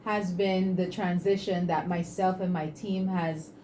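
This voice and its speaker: Caribbean woman giving a motivational pitch. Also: steady tone, measured pace, dark tone, a little hiss or hum. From Caribbean, born on Aruba, raised mostly on Saint Martin. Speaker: guest, entrepreneur presenting an invention. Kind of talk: interview talk with a promotional pitch.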